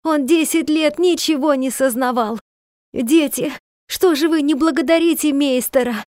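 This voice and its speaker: A woman voicing an overjoyed, tearful peasant wife and mother, with high, excited exclamations. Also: a little slow, dry recording, studio quality.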